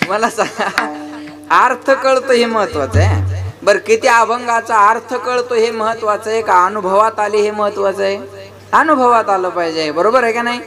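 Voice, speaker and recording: A man's voice: sits high, normal speed, bright, forceful tone, faint music behind. A man giving a devotional kirtan sermon in a folksy, humorous storytelling way, often calling on the crowd to answer back. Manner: rhetorical, keeps asking the crowd to answer back. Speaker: kirtan preacher. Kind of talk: devotional sermon to a live gathering.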